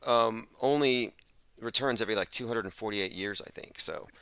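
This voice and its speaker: A man's voice: on the low side, normal speed, fairly bright tone, clean tone, dry recording. A man hosting a casual conversation, explaining his ideas in an earnest way. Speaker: host.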